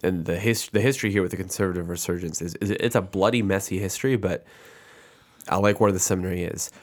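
Deep-voiced podcast host, dry humor. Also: male voice, fairly even intonation, quick pace. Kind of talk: casual podcast conversation.

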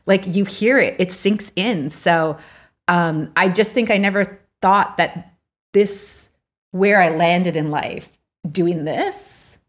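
A woman's voice: lowish voice, takes it slowly. A woman in her forties co-hosting a podcast with her husband, talking in a chatty, earnest way with lots of fillers. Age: 40s. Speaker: podcast co-host. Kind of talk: casual chat.

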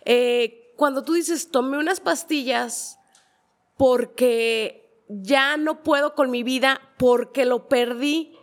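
High-voiced woman host, slow. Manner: gentle, probing questions. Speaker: podcast host. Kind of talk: interview questioning.

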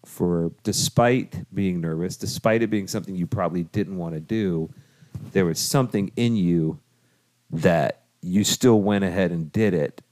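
A man's voice: low-pitched, unhurried, a little mellow. A middle-aged man and father hosting a casual family podcast from a home studio, encouraging and jokey. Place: home room turned audio studio.

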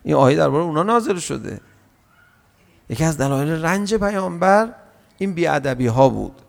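Male religious lecturer, sermon; gravelly voice, animated delivery with drawn-out chanted verses. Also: fairly high pitch, big-room sound. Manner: lively, acts out quoted speech.

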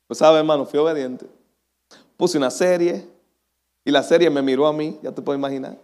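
Chatty pastor preaching. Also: male voice, on the high side, fairly even intonation, moderate pace, a little mellow, clear, resonant tone. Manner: chatty, self-deprecating, laughs often. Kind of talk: sermon.

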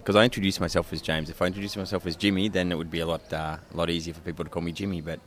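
A man's voice: sits low, little pitch movement, racing. A man with a broad Australian accent, chatting casually as a podcast guest. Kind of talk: casual chat.

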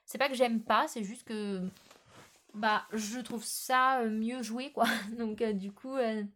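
A woman's voice: a little high, fairly even intonation, takes it slowly, a bit bright. Hesitant woman chatting about books. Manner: hesitant, frequent filler sounds and restarts. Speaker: book vlogger. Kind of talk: casual book vlog chat.

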